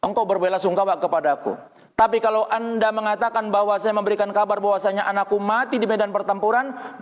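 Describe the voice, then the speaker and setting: Male preacher, fairly high voice, vivid storytelling with dialogue, long hall echo, dull lo-fi sound. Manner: dramatic retelling with quoted dialogue, pitch rising and falling. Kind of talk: storytelling sermon.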